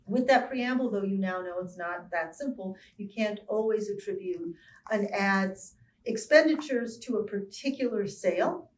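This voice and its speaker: A middle-aged woman professor talks through a marketing concept in a clear, explanatory teaching manner, leaning on key words for emphasis. Her voice sits at an ordinary pitch for a woman. It carries the echo of a roomy space and sounds a little distant from the mic. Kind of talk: recorded lecture.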